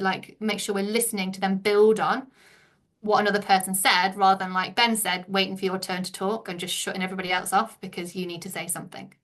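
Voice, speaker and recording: A middle-aged English woman leads a teacher training session, explaining each point and putting questions to her listeners. Her voice has a bright, forward edge at an ordinary middle pitch. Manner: explanatory, asks the room many questions.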